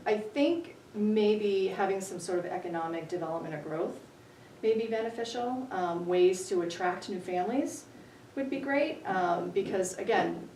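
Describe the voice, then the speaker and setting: A woman in her forties from New Hampshire, a town candidate answering interview questions in an earnest, measured way with many ums. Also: medium pitch. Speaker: town budget committee candidate. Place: town library room. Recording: echoey room, far from mic, faint hum.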